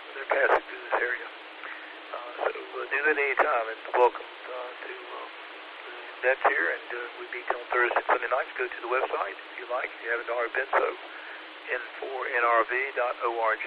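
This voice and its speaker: A man running an amateur radio net as net control, speaking over a two-way radio transmission and talking in a halting way with many filler sounds. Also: medium pitch. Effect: tinny two-way radio transmission with static. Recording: tinny radio with static hiss.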